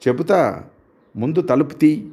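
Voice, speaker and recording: A man's voice: a little high, measured pace, dark tone, breathy edge. A man voicing a distraught, hungry male friend who arrives at night, pleading in a plain voice. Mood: urgent.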